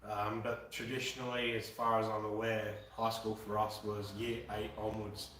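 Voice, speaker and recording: This man, in his twenties and from Western Australia, has a fairly low voice with a completely flat delivery, normal speed, and a slightly bright tone. He's chatting casually on a live stream from his garage in an Australian accent, relaxed and swearing now and then. The recording has a little hiss or hum, a very echoey room, and a far-off mic.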